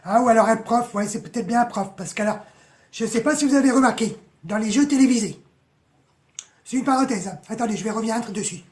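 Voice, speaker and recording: A woman with a hoarse voice, mocking and chatty, analysing song lyrics in a casual live stream, full of slang and swearing. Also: a little high, brisk, a little mellow.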